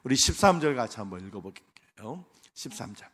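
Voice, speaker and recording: A man's voice: on the low side, very animated, fairly quick, a bit bright, breathy edge. A male pastor preaching a Sunday sermon, speaking emphatically and directly to his congregation. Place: church sanctuary. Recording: long church hall reverb.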